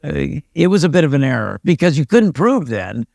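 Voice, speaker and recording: A man's voice: a little high, big pitch swings, moderate pace, creaky, darkish tone, dry recording, clean studio sound. An older American man, a retired police sergeant and pastor, telling stories in a casual interview with a wry, self-deprecating manner. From United States.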